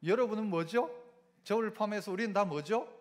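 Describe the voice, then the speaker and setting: A man's voice: high voice, a little fast. A male pastor with a Gyeongsang Korean accent preaching a sermon, asking the congregation questions and having them repeat after him. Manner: call-and-response preaching, asks the congregation to repeat. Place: church sanctuary. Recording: long church hall reverb.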